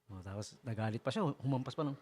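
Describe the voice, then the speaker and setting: Lively radio DJ, chatty. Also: male voice, fast talker, a little hiss or hum. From Philippines. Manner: chatty, laughs often, mimics politicians in a high voice. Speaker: radio DJ host. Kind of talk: casual radio chat. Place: radio studio.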